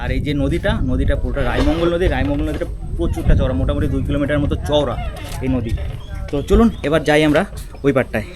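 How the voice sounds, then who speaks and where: A man talks viewers through a river village as he walks and rides a boat, pointing things out as he goes. His voice sits a little high. He is recorded outdoors on a handheld camera mic. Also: fast. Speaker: travel vlogger. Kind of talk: walking tour narration.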